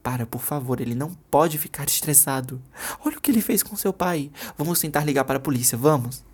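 Middle-aged mother, voiced by a reader, trembling, pleading, high strained voice, storybook reading. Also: animated, fast talker, darkish tone, slightly rough. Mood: anxious.

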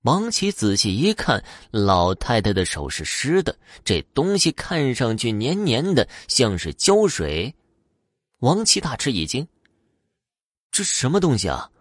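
A man narrating a scripted ghost story in an expressive, dramatic way. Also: mid-range voice, a little slow, no room sound, clean studio sound.

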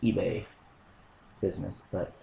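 A man in casual chat, rambling and halting with lots of ums. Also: mellow, low-quality recording.

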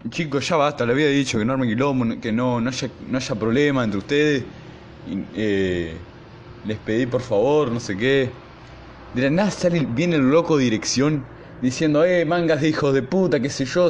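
A young man with an Argentine accent, hosting his podcast and telling a school story in a casual, slangy, animated way. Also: medium pitch, dull audio, a little hiss or hum. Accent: Argentine Spanish. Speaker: podcast host.

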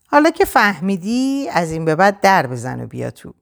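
A woman's voice: lowish voice, sing-song, gravelly, pitched above the performer's own voice. A woman voicing a young husband who answers his joking brother with light amusement. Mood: amused.

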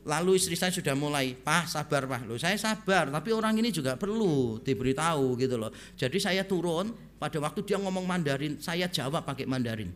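A man's voice: fairly high pitch, brisk, few pauses, slight background noise. A middle-aged man, preaching as a pastor and telling stories while talking straight to the congregation. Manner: animated storyteller, keeps addressing the congregation directly. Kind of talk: sermon storytelling.

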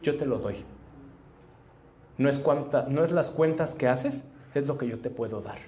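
A man's voice: medium pitch, normal speed, dark tone, a little hiss or hum. A man preaching a conversational sermon, telling stories and acting out dialogue with frequent chuckles. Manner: storytelling, acts out dialogue, chuckles often. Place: church service before a congregation.

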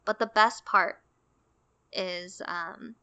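A woman's voice: mid-range voice, fairly even intonation, very slow, sharp tone, smooth. A young adult woman co-hosting a podcast, telling a story in casual chat and acting out what people said. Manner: chatty storytelling, acts out quoted lines. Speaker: podcast co-host.

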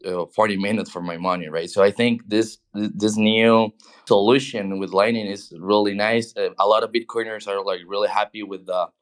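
A man speaking as a guest in a casual interview, halting, repeating words and tagging "right?" onto his points. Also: lowish voice, steady tone.

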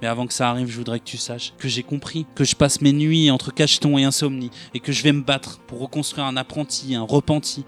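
A man playing a bitter, self-loathing young street thug in a dramatic monologue, ranting in rough slang, with faint music underneath. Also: mid-range voice, fairly even intonation, a little fast, few pauses, natural voice. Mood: remorseful.

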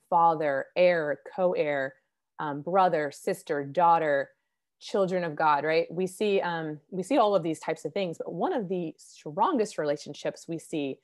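A woman with a fairly low voice gives a devotional Bible teaching. She talks earnestly and casually, as if to friends. Her voice is a bit hoarse as it recovers, and she clears her throat now and then.

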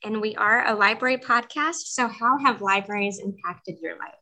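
A woman's voice: medium pitch, normal speed, bright, forceful tone. A woman hosting a podcast, asking plain questions and adding brief friendly asides. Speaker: podcast host. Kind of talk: casual interview chat.

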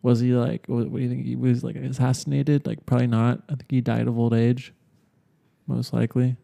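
A man's voice: mid-range voice, completely flat delivery, a little fast, vocal fry, warm tone. A man co-hosting a podcast, chatting casually in a rambling, hesitant, speculative way. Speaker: podcast co-host. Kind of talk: casual chat.

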